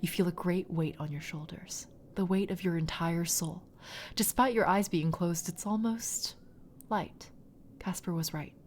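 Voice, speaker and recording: A woman's voice: on the low side, steady tone, a little slow, a little mellow, a little hiss or hum. Woman streamer reading game narration. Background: faint game music.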